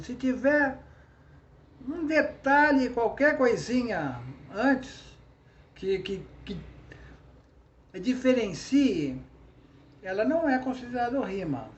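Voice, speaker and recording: Slow, patient Brazilian man teaching poetry. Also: high-pitched, highs cut off, a little hiss or hum. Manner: slow, patient, spells out syllables. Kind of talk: informal lesson.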